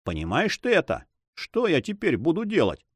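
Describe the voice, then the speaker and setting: A man voicing an excitable, easily discouraged male sailor who complains and exclaims. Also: fairly high pitch, normal speed, breathy edge, no room sound, pitched above the performer's own voice, heavily acted.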